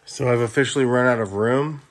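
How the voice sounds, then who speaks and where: A middle-aged man from Los Angeles narrating a tour of the video store he built at home, in a relaxed, wry, matter-of-fact way. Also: medium pitch, brisk. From Los Angeles, California.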